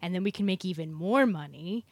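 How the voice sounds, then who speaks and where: A young woman co-hosting a podcast, chatting wryly about a movie in a casual, quick way. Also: on the low side, expressive, no room sound. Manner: chatty, wry, quick asides. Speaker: podcast co-host. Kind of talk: casual movie review chat.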